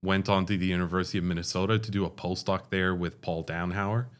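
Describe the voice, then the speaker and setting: A man from Dubai, a chemical engineering professor, answering interview questions in a measured, explanatory way. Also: low voice, steady tone. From Dubai, Middle East. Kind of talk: conversational interview.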